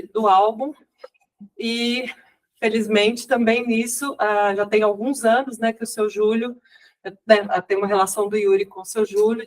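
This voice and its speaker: Woman producer opening an event, mid-pitched, loose and rambling delivery, distant mic. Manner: rambling, with many fillers and restarts. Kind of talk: event introduction. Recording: voice heard from a distance.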